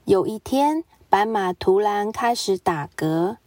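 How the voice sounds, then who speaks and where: Woman, storyteller, gentle, slow, dry close recording. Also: mid-range voice, expressive, no echo. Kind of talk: reading a picture book to children.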